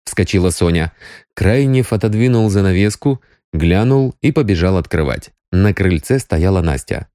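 A man narrating an audiobook with expressive storytelling. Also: deep voice, moderate pace, no room sound, clean studio sound.

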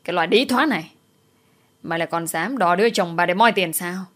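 A woman's voice: on the low side, a little fast, a bit bright. A woman voicing a furious middle-aged woman who screams accusations. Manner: screeching accusations.

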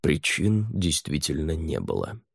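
Мужчина читает аудиокнигу размеренно и ровно. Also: male voice, very deep voice, very animated, a little slow, vocal fry, dry recording, clean studio sound. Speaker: narrator. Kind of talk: audiobook narration.

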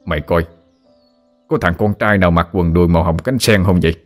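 A man's voice: low voice, brisk, faint music behind, natural voice. Man doing a grumbling old Southern Vietnamese dad. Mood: scolding. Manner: scolding, teasing. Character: grumbling old rural father nagging his son.

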